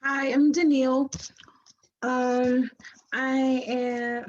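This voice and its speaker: A woman in her early twenties, a student, speaking in a relaxed, offhand way over a video call. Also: high voice, drawn-out words. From Jamaica. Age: early 20s. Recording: dull lo-fi call audio.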